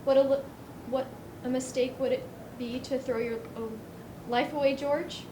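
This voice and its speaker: On a theatre stage, a woman plays a kindly male guardian angel in an amateur production, coaxing gently in a high voice that is patient and a little flustered. She speaks at a moderate pace with light acting. The sound is echoey and distant, picked up from far off over a steady hiss of noise.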